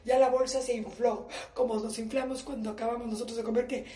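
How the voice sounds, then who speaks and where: A woman's voice: fairly high pitch, level tone, fast, warm tone. A woman doing a brash, profane comedic monologue for a live stream, recorded in an echoey bathroom at home. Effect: echoey bathroom acoustics.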